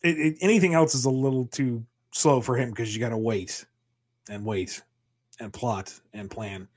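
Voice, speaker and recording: A man's voice: medium pitch, normal speed. A man in casual podcast chat, playfully riffing on comic scenarios as a co-host.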